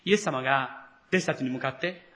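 A man's voice: mid-range voice, brisk, bright, forceful tone. A male pastor preaching a sermon, speaking to the congregation directly and acting out the quoted lines.

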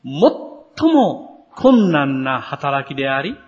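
Earnest man preaching a sermon, lively and animated, muffled lo-fi church recording. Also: mid-range voice, extremely slow. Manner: earnest, expressive preaching with rising emphasis. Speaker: pastor.

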